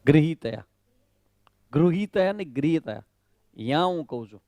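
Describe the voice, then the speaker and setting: A man's voice: fairly high pitch, lively intonation, a little slow, warm tone, no echo. A swami teaching correct Sanskrit pronunciation of the Gita, drilling syllables over and over, questioning his students and slipping in English phrases. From Kutch, Gujarat.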